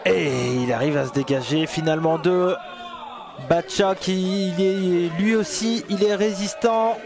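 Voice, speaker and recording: A man's voice: high voice, a little slow, gravelly. A man doing live wrestling commentary, exclaiming and repeating words for emphasis. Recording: music and crowd noise behind. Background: music and wrestling crowd.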